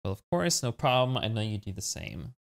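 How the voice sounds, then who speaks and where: Low-voiced man with loud keyboard clicks. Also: sing-song, a little fast. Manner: laughs often, swears, reads chat choices aloud. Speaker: let's play gamer. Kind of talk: casual let's play commentary. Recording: keyboard typing noise clearly heard. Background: keyboard clicks and typing.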